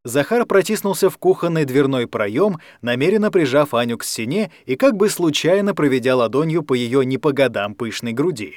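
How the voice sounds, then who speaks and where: Lively male audiobook narrator, dry sound. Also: mid-range voice, normal speed, few pauses, no room sound. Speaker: audiobook reader.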